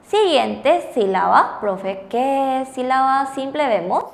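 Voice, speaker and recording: Woman teaching a lesson, high voice, keeps asking if you got it. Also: lively intonation, slow pace, vocal fry, in a large hall. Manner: patient, checks understanding with frequent rhetorical questions. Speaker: Korean language teacher. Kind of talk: bilingual classroom lesson on TV.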